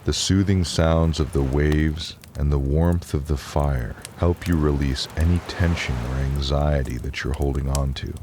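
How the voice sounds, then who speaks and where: Speaking in a very deep voice, a man delivers calm, unhurried, soothing narration meant for guided relaxation and bedtime stories. There's noticeable noise in the background.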